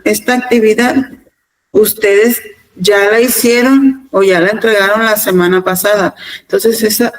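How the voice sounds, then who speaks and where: A Mexican woman teacher giving a virtual class, talking deliberately and often repeating words and pausing with fillers. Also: mid-range voice, rough recording. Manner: deliberate, repeats words, fills pauses with "este". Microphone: video call.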